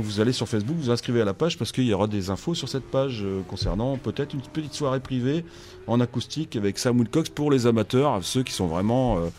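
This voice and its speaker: Male radio host, deep-ish, halting casual chat, studio. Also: a little mellow, a little hiss or hum. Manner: hesitant, many fillers.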